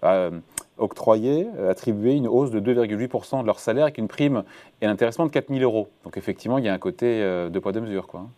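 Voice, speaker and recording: A man's voice: lowish voice, fast talker, dark tone. A man hosting a radio discussion, talking steadily with short fillers.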